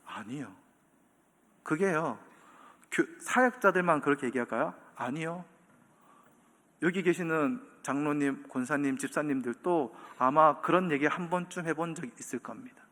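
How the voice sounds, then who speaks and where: A man, preaching a sermon as pastor in animated storytelling style, acting out quotes and chuckling. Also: fairly high pitch, normal speed. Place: church sanctuary. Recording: long church hall reverb.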